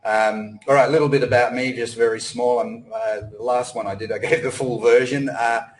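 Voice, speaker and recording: A man's voice: mid-range voice, fairly even intonation, brisk, low-quality recording. A middle-aged man from Australia giving a casual online presentation, rambling with lots of fillers and restarts. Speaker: webinar presenter. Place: home in Cambodia.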